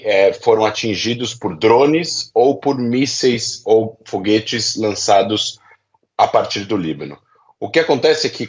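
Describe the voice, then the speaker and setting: A political analyst with a Brazilian accent, speaking as an interview guest, gives didactic explanatory commentary, laying out his points step by step. His voice sits on the low side, and the highs are cut off.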